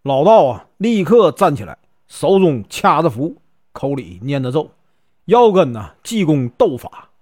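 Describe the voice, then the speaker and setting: Man, Northeastern Chinese accent, folk storyteller, fairly high voice, dry close sound. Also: dry recording. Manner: lively, colloquial with drawn-out particles.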